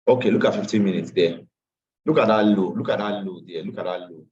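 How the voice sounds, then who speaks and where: This man's voice sits low and is a little mellow, and he talks briskly over slight background noise. Tired after a long day, he walks his live online trading class through charts, repeating phrases and adding Pidgin asides, on distant, dull lo-fi audio.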